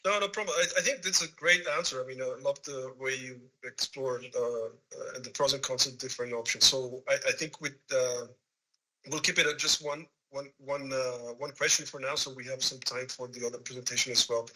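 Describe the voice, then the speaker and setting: A man hosting an online session informally, speaking haltingly and repeating words as he introduces and moderates. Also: medium pitch, bright, forceful tone, low-quality recording. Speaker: host, moderator.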